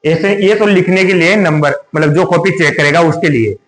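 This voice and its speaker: A man's voice: fairly high pitch, normal speed. A man teaching a lesson on exam tips, often asking rhetorical questions and repeating himself. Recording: echoey room.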